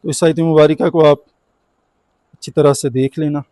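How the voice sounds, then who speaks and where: A man teaching Quran recitation in an online class, firmly correcting students and drawing out the recited words slowly. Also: fairly high pitch, little pitch movement, dark tone, no room sound.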